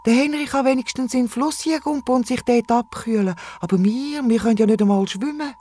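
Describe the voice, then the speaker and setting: A man voicing a small, excitable young kangaroo in a Swiss German children's radio play, with a Swiss German accent. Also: extremely high pitch, a little fast, voice pushed up. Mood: wistful. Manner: bouncy and eager.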